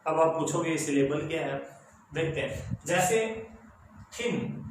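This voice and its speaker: A man teaches an English grammar lesson, explaining patiently and repeating key words for his students. His voice sits high for a man. The room rings with heavy echo over a faint background hiss. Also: a little slow.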